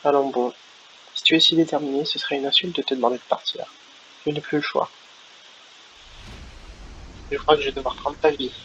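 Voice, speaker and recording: A man's voice: medium pitch, steady tone, fairly quick, long pauses, fairly bright tone, lightly acted. A man reading a laid-back, resigned captain. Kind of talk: reading game dialogue aloud. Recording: lo-fi with faint hiss.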